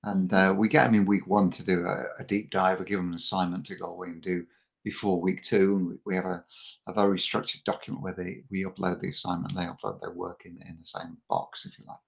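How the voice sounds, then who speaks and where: A man's voice: low voice, little pitch movement, fast talker, gravelly. A middle-aged man, a coach guest on a podcast, talking casually and often restarting and repeating words. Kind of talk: casual interview chat.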